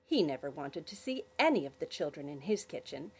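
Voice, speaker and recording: A woman hosting a family podcast, narrating a children's adventure story with expressive storytelling. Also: deep voice, a little fast, husky, rough recording.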